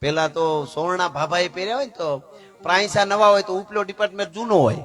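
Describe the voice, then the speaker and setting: A man telling a folk tale in a lively, conversational way, full of jokes and asides to the audience. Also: sits high, fast. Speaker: folk storyteller. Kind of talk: folk storytelling to a live audience.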